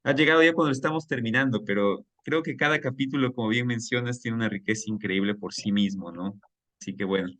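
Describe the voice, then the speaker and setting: A man hosting a reading group, talking in a relaxed, casual way with many rhetorical questions. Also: mid-range voice, quick pace. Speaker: reading club host. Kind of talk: casual book club discussion over a call.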